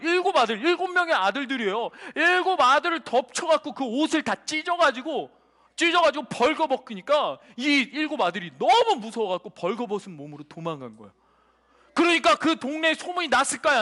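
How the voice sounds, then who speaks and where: A male pastor delivers a children's sermon in a church sanctuary, telling a story and asking the kids questions. His very high voice is expressive, sharp and fairly quick, with the reverb of a church hall.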